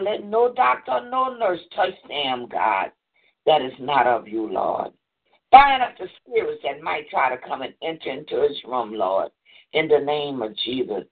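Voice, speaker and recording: A man prays fervently and rhythmically, his pitch swinging widely as he rises on each plea and drops on every "Lord". The sound comes through a thin, tinny phone line. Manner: fervent, rhythmic, repeating "Lord" and "in the name of Jesus". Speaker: prayer leader. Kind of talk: intercessory prayer.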